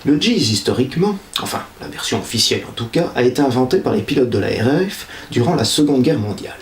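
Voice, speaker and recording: A man's voice: mid-range voice, very animated, fast, a little hiss or hum. A man hosting a nature video, explaining birdwatching in a playful, joking manner with lots of asides. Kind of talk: humorous educational vlog. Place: indoors. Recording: echoey room.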